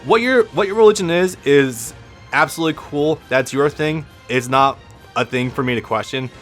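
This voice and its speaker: A man's voice: fairly high pitch, moderate pace, a bit bright, soft background music. A man with a lisp giving casual, rambling gameplay commentary as a let's play host, swearing freely and restarting his sentences often. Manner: rambling, profane, frequent restarts.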